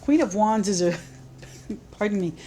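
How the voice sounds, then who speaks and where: A woman giving a solo tarot reading to camera, musing gently and repeating her phrases, a little choked up. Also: mid-range voice, lively intonation, measured pace, low-quality recording. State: slightly choked up, clearing throat. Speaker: tarot reader.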